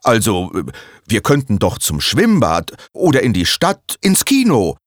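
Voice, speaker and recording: Storybook dad voiced by a man, flustered and protesting, unhurried. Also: fairly low pitch, wildly swooping pitch, no echo, studio quality, pitched above the performer's own voice. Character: a flustered, annoyed father.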